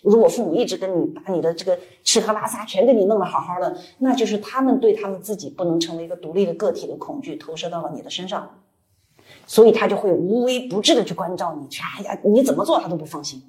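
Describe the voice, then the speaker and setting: Fast-talking woman psychologist. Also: mid-range voice, a little mellow. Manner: chatty, colloquial, acts out clients' voices. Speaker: psychologist and counselor, guest speaker. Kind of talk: live book-club talk.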